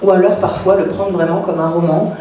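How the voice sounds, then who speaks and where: A woman's voice: on the low side, steady tone, fairly quick, dark tone, slight background noise. A woman author speaking at a public literary talk, hesitant, with many fillers and restarts. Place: cultural centre hall. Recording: echoey hall from far off.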